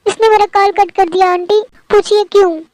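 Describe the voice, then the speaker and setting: A woman's voice: very high-pitched, fairly even intonation, normal speed, a little mellow, no room sound. A woman voicing a playful, stubborn young man in an amateur fan dub, with a youthful, teasing delivery. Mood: complaining.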